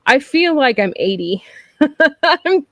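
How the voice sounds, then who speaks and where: A woman's voice: high voice, very animated, takes it slowly, a bit bright, no echo. A woman in her thirties, hosting a casual chat, talking frankly and loosely with lots of fillers. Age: 30s. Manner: chatty and frank, with frequent laughs and fillers. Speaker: host.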